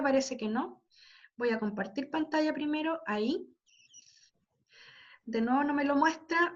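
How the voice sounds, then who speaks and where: High-voiced woman teacher on a muffled call. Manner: patient, explains step by step and checks understanding with frequent tag questions. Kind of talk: online class lecture. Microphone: computer mic on a video call. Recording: dull lo-fi video call audio.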